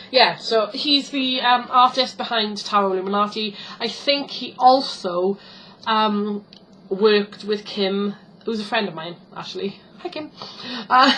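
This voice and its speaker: A woman talks her way through an unboxing at home, chatty and a little rambling, stopping to correct herself. Her voice sits at an ordinary middle pitch, and faint room ambience hums behind her. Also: sharp tone, slight background noise, poor audio. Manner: chatty and rambling, many ums and self-corrections. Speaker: tarot vlogger. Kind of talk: casual unboxing chat.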